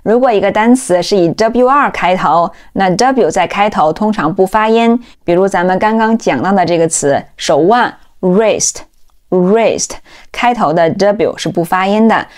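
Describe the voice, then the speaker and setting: A woman teaching English vocabulary, who explains step by step and says each word slowly several times over. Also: mid-range voice. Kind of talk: vocabulary lesson.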